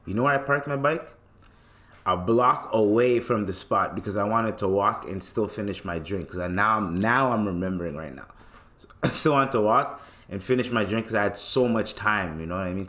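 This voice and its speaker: A man's voice: fairly low pitch, a bit bright. A young man casually telling a story on a podcast, slangy and swearing freely. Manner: laid-back slangy, swears freely, repeats filler phrases. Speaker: podcast host.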